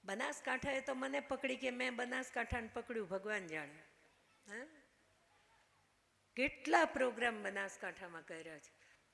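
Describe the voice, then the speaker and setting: A woman's voice: fairly high pitch, animated, normal speed, gravelly, pauses often, fairly bright tone. An older woman gives a homely devotional discourse to a gathering, chiding and asking the crowd questions. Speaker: Ramayana storyteller. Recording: long hall reverb.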